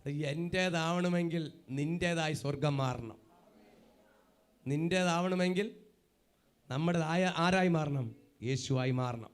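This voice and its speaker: High-voiced fervent male preacher. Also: takes it slowly, long pauses, smooth. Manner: fervent, swings between loud cries and hushed asides. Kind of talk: sermon.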